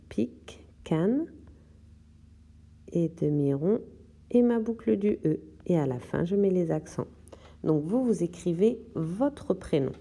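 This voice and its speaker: A woman teacher giving a slow, step-by-step handwriting lesson to young children, describing each stroke as she writes. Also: fairly low pitch, vocal fry, dark tone, breathy edge. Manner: slow, step-by-step instructions while writing. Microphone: tablet microphone.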